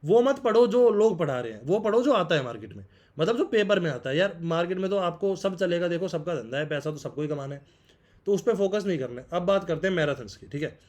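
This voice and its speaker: A young man rattles off exam advice at a quick clip in a slightly high voice. He talks casually and like a big brother, hammering the same points again and again. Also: lively intonation, a little mellow. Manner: brotherly, repeats points, says bhai often. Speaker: exam prep vlogger.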